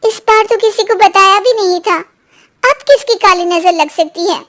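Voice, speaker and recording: A woman's voice: extremely high pitch, moderate pace, fairly bright tone. A woman voicing an eager, trusting young wife in a cartoon story. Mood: excited.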